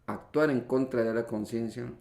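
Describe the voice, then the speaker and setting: Speaking at a moderate pace in a mid-range, gravelly, darkish voice, a male pastor preaches in a church hall. He explains words' meanings step by step, goes into spelling rules in a teacherly way, and keeps calling his listeners brothers; the livestream audio is echoey.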